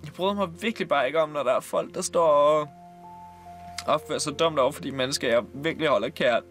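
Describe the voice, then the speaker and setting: A man's voice: fairly high pitch, fairly bright tone. A man reality show contestant speaking frustrated and emotional in a confessional interview. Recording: faint music underneath.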